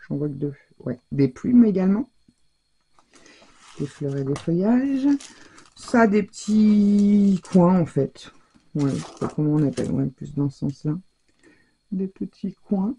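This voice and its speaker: A middle-aged woman presenting her craft shopping haul in a casual, chatty way, hesitating often and filling pauses as she goes. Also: mid-range voice, mellow, a little hiss or hum. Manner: chatty, hesitant, full of fillers and self-corrections.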